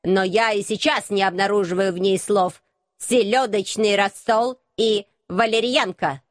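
A woman voicing an old male robot abbot who speaks in a slow, solemn, metallic grating voice. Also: mid-range voice, steady tone, no echo, clean studio sound, natural voice. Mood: puzzled. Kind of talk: audiobook character reading.

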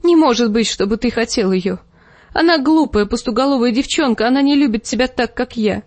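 A woman voicing Lysa, a shrill hysterical noblewoman. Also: fairly quick, a little mellow, no echo, close to an everyday voice. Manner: shrill, screeching, pleading.

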